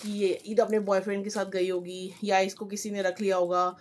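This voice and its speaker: A young woman chatting through an excited unboxing vlog, mixing in English phrases. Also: medium pitch, brisk. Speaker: vlogger.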